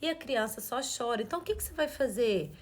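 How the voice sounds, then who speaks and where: A woman's voice: on the high side, animated, fast. A woman, giving a live parenting talk in an earnest coaching way and asking rhetorical questions. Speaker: parenting educator.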